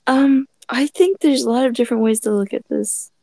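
Brief: thirty-ish woman, higher pitch with a gravelly edge, sarcastic, interrupting podcast co-host. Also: fairly quick, warm tone, dry recording. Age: 30s. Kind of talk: casual podcast chat.

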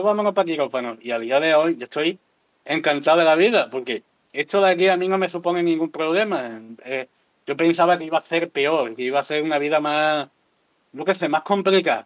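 A man's voice: fairly high pitch, no room sound. Frank man telling stories. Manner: candid, vulgar, laughs at his own stories. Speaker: podcast guest. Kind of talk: casual storytelling chat. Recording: dull lo-fi dry sound.

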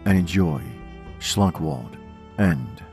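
A man with a gravelly voice narrating as a theatrical, ominous horror host, reading scripted tales and verse. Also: low voice, lively intonation, slow, darkish tone, soft background music.

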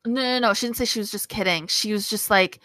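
A woman in casual chat, candidly telling animated stories and acting out what others said. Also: medium pitch, quick pace, dry recording. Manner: candid, animated storytelling, acts out quotes.

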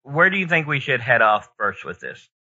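A man's voice: medium pitch, big pitch swings, moderate pace, bright, forceful tone. A man co-hosting a podcast in casual, informal chat, rambling and thinking aloud as he gives his opinions. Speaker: podcast co-host. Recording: dull lo-fi audio.

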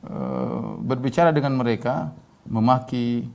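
A man's voice: mid-range voice, huge pitch swings, vocal fry, darkish tone. Indonesian-speaking man preaching with chanted verses. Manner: drawn-out chanted Arabic verses, then plain explanation; loose speech with fillers and colloquial asides. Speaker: Islamic preacher. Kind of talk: sermon with Quranic recitation.

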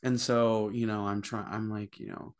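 Man, fairly low voice, hesitant, searching for words, casual chat. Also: little pitch movement, moderate pace. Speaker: podcast co-host.

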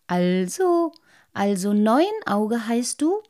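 A woman's voice: on the high side, sing-song, takes it slowly, warm tone. A woman voicing a timid little water-sprite boy in a children's story, anxious and hesitant. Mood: puzzled.

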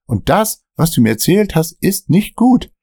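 A man voicing a frantic, high-strung young waiter who swears when scared, in a read-aloud story. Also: very animated, moderate pace, dark tone, slightly rough, dry recording, studio quality, full character voice. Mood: panicked. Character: panicky young male waiter friend.

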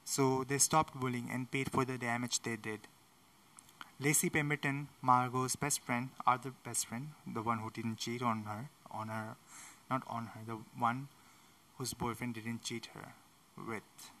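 A man's voice: medium pitch, steady tone, unhurried, pushed and bright. A tired young man casually recapping a book chapter late at night, rambling and correcting himself with chatty asides. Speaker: book summary host. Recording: voice a bit far from mic.

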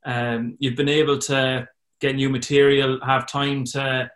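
Young Irish man hosting, medium pitch. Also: little pitch movement, unhurried, a bit bright. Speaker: podcast host. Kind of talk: casual interview.

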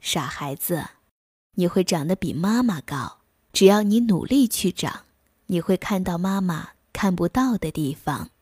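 A woman's voice: mid-range voice, expressive, a little slow, a little mellow, no echo, clean studio sound. A woman voicing a tender mother poplar tree. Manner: tender, reassuring. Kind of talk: bedtime story narration.

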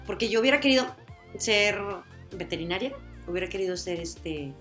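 A woman's voice: mid-range voice, lively intonation, normal speed, fairly bright tone, soft background music. A woman in her forties with a northern Mexican accent, co-hosting a casual chat, playful and teasing. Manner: playful, teasing, laughs often. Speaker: podcast co-host.

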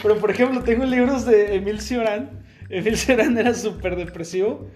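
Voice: medium pitch, normal speed, a little mellow. A podcast co-host with a Mexican accent, explaining ideas earnestly in casual chat and laughing often. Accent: Mexican Spanish.

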